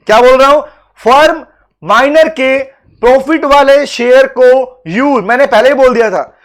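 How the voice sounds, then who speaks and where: High pitched guy teaching law online, playful, keeps calling on kids by name. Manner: lively, teasing, calls on students by name; repeats phrases for emphasis. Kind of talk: live online class.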